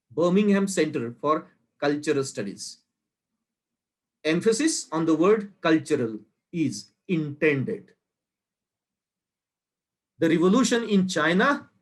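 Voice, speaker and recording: Slow, measured lecturing man, high voice. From India. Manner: slow, deliberate delivery with pauses between phrases. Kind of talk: academic lecture.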